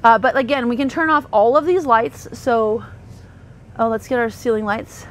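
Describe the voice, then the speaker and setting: A woman's voice: on the high side, moderate pace, fairly bright tone. A woman, an RV sales associate, giving a thorough walkthrough tour inside a parked motorhome, talking chattily with fillers and self-corrections. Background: faint hum of air conditioning.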